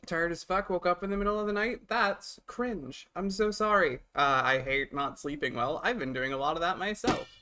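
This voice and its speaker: A talkative male streamer chats loosely with viewers and a co-host, cursing now and then between bites. His voice is bright and edged and sits a little high for a man. He swings from loud bursts to quiet asides. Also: normal speed, hardly any pauses. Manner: chatty, swearing, talks while eating. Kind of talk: casual live-stream chat.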